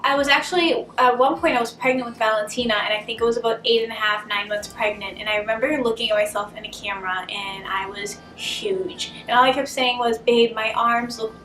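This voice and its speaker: A woman's voice: fairly high pitch, fairly even intonation, a little fast, hardly any pauses, a bit bright, slight background noise. A woman with a Boston accent hosting a casual couple Q&A at home, chatty and rambling, laughing often. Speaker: channel host. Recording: roomy, distant camera sound.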